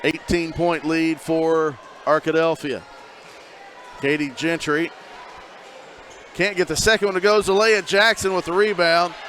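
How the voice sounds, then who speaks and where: A high-pitched man calls a high school girls' basketball game from courtside. He runs through the plays quickly and drops in dry, joking asides, with faint gym noise behind him. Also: fairly bright tone. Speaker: play-by-play announcer. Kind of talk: basketball commentary.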